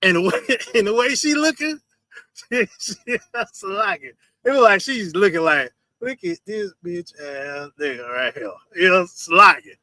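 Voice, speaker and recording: Loud, animated male streamer riffing on a clip; bright, lively, dry close mic. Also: sits high, a little slow, no echo. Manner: loud, emphatic, repeats phrases and laughs often. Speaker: host reacting to a video. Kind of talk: casual livestream commentary.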